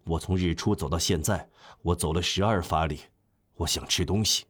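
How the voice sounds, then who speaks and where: A man reading Jean Valjean, low and stubborn. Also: moderate pace, slightly rough. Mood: pleading. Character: weary hungry male traveler, stubborn and proud. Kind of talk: audiobook character reading.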